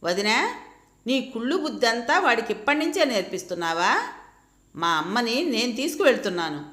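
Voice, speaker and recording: A woman voicing a hot-tempered grown daughter who talks in a rapid, indignant way, in an echoey room. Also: fairly high pitch, very animated, a bit bright.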